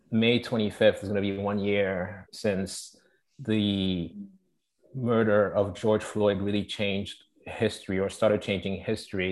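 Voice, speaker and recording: A man from Togo, moderating an online forum in a measured way, often searching for his words. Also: lowish voice. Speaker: panel moderator. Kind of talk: introducing an online forum discussion.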